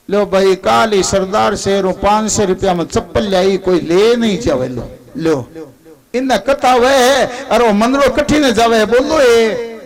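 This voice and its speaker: A man with a Rajasthani accent telling a devotional story as a sermon, lively and calling on his listeners to answer. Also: very high voice. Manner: lively, calls on listeners to respond. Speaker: religious storyteller.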